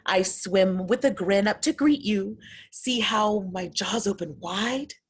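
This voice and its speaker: A woman's voice: mid-range voice, slow pace, slightly rough. A woman voicing a grinning, menacing shark with a sly, coaxing manner for a children's storybook. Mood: sly, inviting. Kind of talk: children's picture-book read-aloud.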